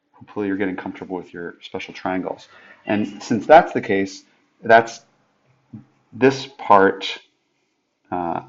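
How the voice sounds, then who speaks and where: Low-voiced man thinking aloud through math. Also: lo-fi sound. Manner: halting, thinks aloud with many restarts and fillers. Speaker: math teacher. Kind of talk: whiteboard screencast lesson. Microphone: tablet microphone.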